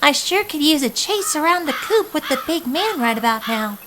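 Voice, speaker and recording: A cheeky, grumbling storybook hen, played by a woman, high in pitch and very animated. She is gossipy and easily alarmed. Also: normal speed, background noise. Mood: muttering, cheeky. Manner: muttering, gossipy.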